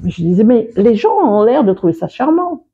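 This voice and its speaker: Husky woman coach chatting in an interview, slow and mellow, lots of restarts, dull lo-fi sound. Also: fairly high pitch. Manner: expressive, quick to laugh, many restarts. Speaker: public speaker and coach. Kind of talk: interview conversation.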